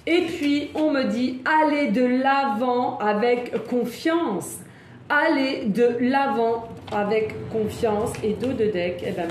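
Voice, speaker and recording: A woman doing a casual card-reading video, chatty and exclamatory, laughing often and slowing down to repeat each message. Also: a little high. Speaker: tarot card reader. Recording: echoey room with faint ambient noise.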